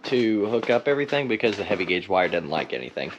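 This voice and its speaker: This young teen vlogger talks fast and very animatedly as he fixes up an old truck, goofing around, self-deprecating and doing sound effects. His voice sits on the low side, and the audio is dull, with obvious background noise and clicking.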